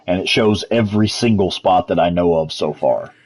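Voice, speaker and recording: With a low, slightly mellow voice and a breathy edge, a Texas-accented man streams gameplay at a moderate pace. He chats easily, responds to his chat and swears casually as he comments live.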